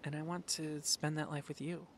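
A man's voice: a little high, flat delivery, normal speed, slight background noise, lightly acted. A man playing an earnest young superhero and devoted boyfriend in an ASMR roleplay, hesitant and affectionate. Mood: earnest, tender.

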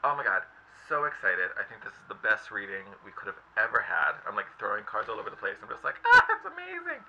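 A man's voice: on the low side, quick pace, bright, forceful tone. A man giving a casual, enthusiastic tarot reading, chatty and effusive, with lots of fillers. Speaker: tarot reader. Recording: slightly dull lo-fi audio with faint noise.

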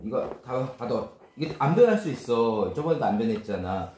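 A man's voice: mid-range voice, big pitch swings, a little fast, a little mellow. A middle-aged man, a father, giving short, repeated instructions in casual family chat. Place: indoor room at home with bookshelves. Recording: echoey home room, clear background noise.

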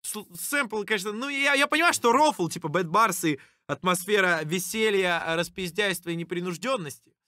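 A man casually commentating on a livestream as a streamer, halting and swearing often, with a teasing streak. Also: high-pitched, sharp tone, dry recording, studio quality. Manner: halting, profanity-laced, teasing. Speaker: streamer reacting to rap battles. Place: indoor room at a streaming desk.

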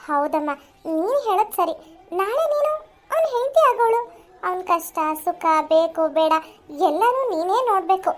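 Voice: very high-pitched, expressive, normal speed. A performer voicing a kindly but firm middle-aged mother in a home-made cartoon. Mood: motherly scolding. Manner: soothing, motherly.

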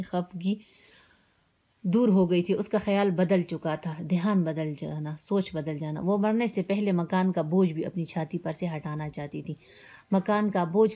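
A woman's voice: fairly low pitch, dark tone. A woman teacher with a Pakistani Urdu accent, reading a story aloud and stopping to explain words with simple synonyms, often checking in with her students. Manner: reads a line, then glosses words with simple synonyms; keeps asking "ٹھیک ہے نا".

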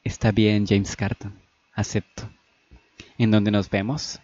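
Un hombre dando voz a Candy, una joven insegura y tímida que titubea y se atropella al hablar. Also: male voice, fairly low pitch, little pitch movement, takes it slowly, a little mellow, muffled recording. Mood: flustered. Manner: hesitant, stammering and flustered. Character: Candy, shy young woman, insecure and easily flustered.

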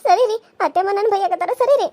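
A woman's voice: very high-pitched, racing, warm tone, no room sound. A woman voicing a timid young village wife in a cartoon serial, pleading and whiny, with a North Karnataka accent. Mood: tearful. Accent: North Karnataka Kannada.

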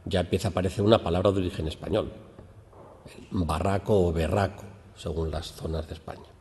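A man's voice: sits low, fairly quick, a little hiss or hum. A man giving an academic lecture, explaining patiently and lifting his voice when he acts out questions. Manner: explanatory, lively emphasis on questions. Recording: long hall reverb.

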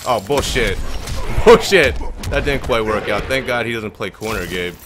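A man's voice: on the low side, fairly quick, background noise. A man giving casual commentary on his own game matches, salty and grumbling, with plenty of swearing. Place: indoor room, webcam view. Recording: game music behind.

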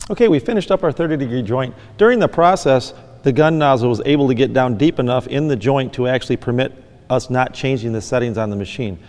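A man's voice: mid-range voice, fast talker, a little mellow, long reverb tail, faint music behind. A middle-aged man from Michigan, a fab shop owner giving a plain, practical welding lesson, often saying "actually". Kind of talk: instructional demonstration. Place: large indoor workshop.

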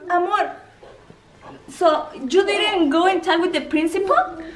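High-voiced expressive vlogging mom. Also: female voice, slow pace, rough recording. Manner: expressive, fussing and reassuring. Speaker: mother and vlog host. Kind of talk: casual family vlog chat.

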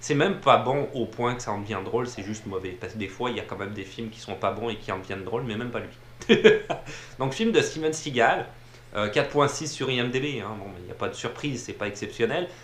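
Here the same kind of casual film review comes from a man with a medium pitch, lively intonation and a bit of brightness, talking fairly quickly. He rambles, leaning on fillers and repeating words, while a TV plays behind him in a room with roomy echo and faint ambient noise.

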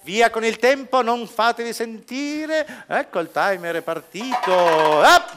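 A man's voice: very high voice, animated, measured pace, a bit bright. A middle-aged man hosting a live quiz with showy, teasing game show delivery. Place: small TV studio with seated audience. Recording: studio quiz with audience.

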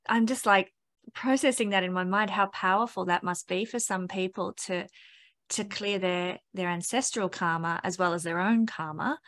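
A woman's voice: mid-range voice, a bit bright. A woman hosts an interview from home over a laptop webcam. She reacts effusively and enthusiastically to her guest and draws her out with long, admiring questions. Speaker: astrologer host. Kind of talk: casual video-call interview. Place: home room. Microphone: laptop webcam on video call.

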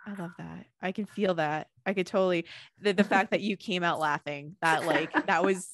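A woman hosting a casual interview podcast, enthusiastic and quick to laugh, gushing with praise. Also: lowish voice, fairly even intonation, dry recording. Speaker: podcast host.

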